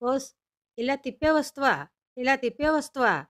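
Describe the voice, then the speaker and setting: A woman's voice: lively intonation, moderate pace. A woman doing a nostalgic middle-aged father. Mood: frenzied. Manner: fond, then wild and shrill when crossed.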